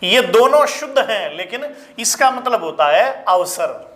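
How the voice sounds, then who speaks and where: A man teaching a spelling lesson to exam students, repeating each word slowly and calling his listeners children. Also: high-pitched, animated, fairly bright tone. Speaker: Hindi teacher.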